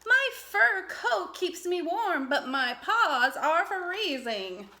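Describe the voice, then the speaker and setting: A woman's voice: very high-pitched, big pitch swings, takes it slowly, sharp tone, voice pushed up, heavily acted. A woman voicing a friendly, hearty otter in a children's storybook. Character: friendly chilly otter, grateful and concerned.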